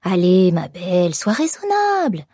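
A woman's voice: medium pitch, expressive, normal speed, darkish tone, no room sound, studio quality, close to an everyday voice. A woman voicing a sneering drunken shop clerk. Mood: taunting. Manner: sneering, taunting. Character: leering drunken male shop clerk, mocking.

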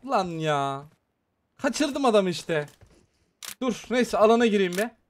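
Excitable high-voiced gamer man. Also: takes it slowly. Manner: excitable, chatty, talks to viewers while playing. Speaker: gaming YouTuber. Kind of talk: live mobile game commentary.

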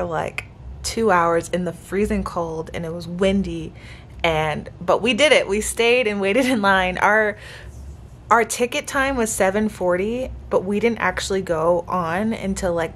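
Speaking into a camera held at arm's length, a woman of twenty-five talks earnestly and chattily from her hotel room, full of gratitude in a casual, reflective vlog. Her pitch sits in the middle range, with slight background noise.

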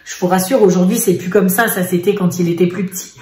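A woman vlogger and mother in casual chat to a face camera, telling a family story in an animated way with lots of fillers. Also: fairly low pitch, fast talker. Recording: echoey room.

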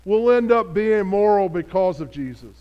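A male pastor with a high voice delivers a sermon in an earnest, conversational tone. He speaks straight to the congregation and often stops to ask them direct questions. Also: expressive, moderate pace, smooth, highs cut off.

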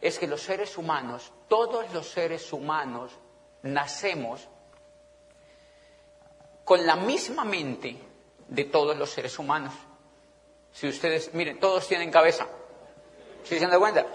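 A middle-aged man with a Colombian accent giving an animated motivational talk to a live audience, often checking that they follow him. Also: fairly high pitch, unhurried, long pauses. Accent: Colombian Spanish. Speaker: motivational business speaker. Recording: long reverb of a large hall.

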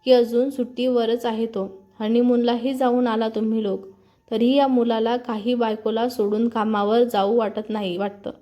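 A teasing old mother-in-law lightly scolds the family in a mellow, even voice, as a woman narrator reads her lines. She sounds fond rather than harsh, in a plainly read storybook manner. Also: fairly high pitch, normal speed, natural voice. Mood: fond scolding.

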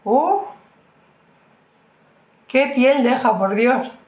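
A beauty vlogger chats through a product test, exclaiming and repeating herself as she goes. Her voice sits a bit high. The sound carries a noticeable room echo. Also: lively intonation, extremely slow, a little mellow. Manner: chatty, exclamatory, repeats phrases, addresses viewers fondly. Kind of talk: casual makeup review.

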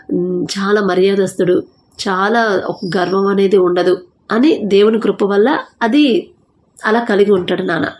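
A woman's voice: a little high, a little mellow. Earnest woman telling a faith testimony. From India. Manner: retells dialogue in quoted voices, earnest and conversational. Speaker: testimony speaker.

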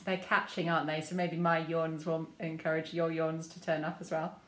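An English woman leading a memory choir through gentle vocal warm-ups, speaking softly and encouragingly with frequent ums. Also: low voice, little pitch movement, normal speed, echoey room. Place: room at home with rain on the window.

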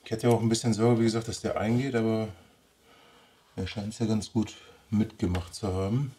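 A man's voice: fairly low pitch, level tone, fairly quick, warm tone, slight background noise. A man with a Ruhr German accent, thinking aloud in casual commentary as he works on a bonsai. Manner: thinking aloud, muttering while he trims. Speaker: bonsai vlogger. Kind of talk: casual commentary while working.

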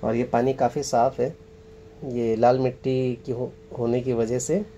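A man's voice: medium pitch, dark tone, muffled recording. A man giving a casual on-location tour, guiding viewers around a waterfall and pointing things out as he goes. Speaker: travel vlogger. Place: outdoors by a waterfall. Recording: faint noise from rushing water outdoors. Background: rushing water and outdoor ambience.

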